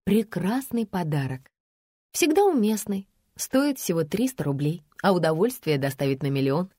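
A woman's voice: fairly low pitch, lively intonation, moderate pace, mellow, no echo, clean studio sound. A woman voicing a young shop girl and beginner chocolatier, whining and eager. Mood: selling.

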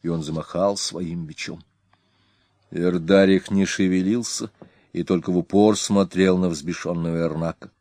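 Low-voiced man reading a historical tale. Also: normal speed, no room sound, studio quality. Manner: dramatic, expressive reading. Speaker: narrator. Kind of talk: audiobook narration of a historical tale.

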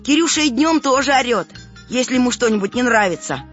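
A woman's voice: on the high side, lively intonation, brisk, close to an everyday voice. A woman voicing a cheeky, inventive young boy in a children's audiobook, reading his lines playfully. The recording is a little dull, with faint music underneath.

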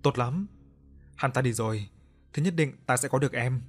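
A man's voice: medium pitch, moderate pace, close to an everyday voice. A man doing a gloating sinister ghost.

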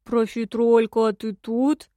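A woman's voice: on the high side, a little slow, darkish tone, no room sound, studio quality, lightly acted. A woman voicing a fawning, lying man trying to make up with his wife, in an audiobook. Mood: wheedling. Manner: wheedling, fawning. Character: fawning estranged husband, sly liar. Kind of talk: audiobook reading.

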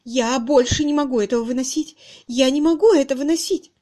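A woman doing a shrill, sobbing frightened spinster. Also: brisk, mellow, close to an everyday voice. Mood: hysterical. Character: timid hysterical spinster, tearful and fearful.

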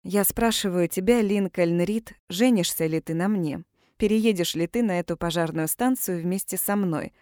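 A bold, teasing former army doctor in a storybook romance, read by a woman narrator. She is blunt and playful. The voice sits low and the recording is dry. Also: moderate pace, mellow, dry recording, close to an everyday voice. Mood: pleading.

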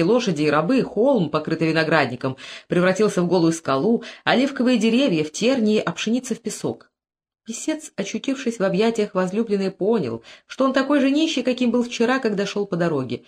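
Measured audiobook narrator. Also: mid-range voice, animated. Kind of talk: literary narration.

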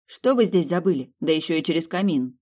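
A reader voicing a feisty young woman who snaps back with quick, indignant retorts in an audiobook. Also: mid-range voice, expressive, mellow, pitched above the performer's own voice, close to an everyday voice. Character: feisty young woman, sharp-tongued bride candidate. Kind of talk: audiobook character reading.

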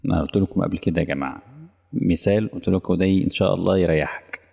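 A man's voice: low-pitched, very fast, vocal fry, warm tone, slightly rough, in a large hall. A male preacher with an Egyptian Arabic accent, giving a colloquial religious lesson in a conversational way, often checking that his audience follows. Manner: conversational, quizzing the audience, mock dialogues.

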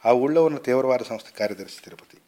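A man reading a short story aloud in a measured, expressive storytelling manner. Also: medium pitch. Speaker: story reader.

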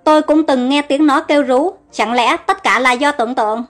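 A woman's voice: high voice, normal speed, faint music behind, natural voice. Woman voicing Carol, a young eager queen. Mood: anxious. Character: young foreign queen, curious and excitable.

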